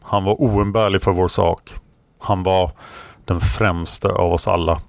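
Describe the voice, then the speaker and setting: A man's voice: sits low, steady tone, gravelly, dry recording. A man voicing a stern, wary old male farmer who speaks in urgent, clipped bursts. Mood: solemn.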